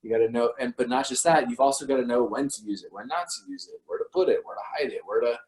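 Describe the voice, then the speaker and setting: A man's voice: medium pitch, quick pace, a little mellow, poor audio. A man hosting a casual livestream from home, rambling and emphatic, with many restarts and some swearing. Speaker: host of an online talk stream.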